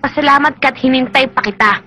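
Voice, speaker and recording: A woman's voice: sits high, fast, bright, forceful tone. An actress playing a spirited young woman who scolds and teases in a Filipino film. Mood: scolding. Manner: scolding yet playful. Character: spirited young woman, sharp-tongued, affectionate. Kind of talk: film acting.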